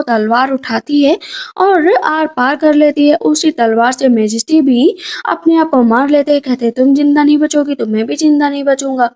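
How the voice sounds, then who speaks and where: A woman's voice: sits high, dark tone. A woman retelling a drama's plot in a casual storytelling way, repeating phrases for emphasis. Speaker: drama recap narrator.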